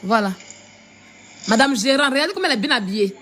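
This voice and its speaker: Casting note: high-pitched woman, live-stream commentator, teasing and repetitive. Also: animated, fast, fairly bright tone. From Ivory Coast. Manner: mocking, repetitive, laughing. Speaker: social media commentator.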